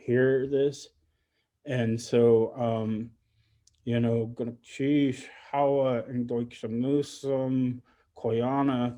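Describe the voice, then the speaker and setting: A middle-aged man from Alaska speaking with heartfelt emotion on a panel, halting often and restarting his sentences. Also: mid-range voice, mellow. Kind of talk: heartfelt personal remarks on a panel.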